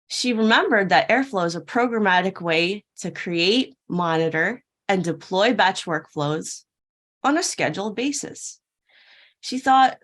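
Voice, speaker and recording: A woman with a medium-pitched, fairly bright voice presents a prepared tech-conference keynote told as a fairytale parable. Her delivery is playful storytelling, asking questions and supplying the answers.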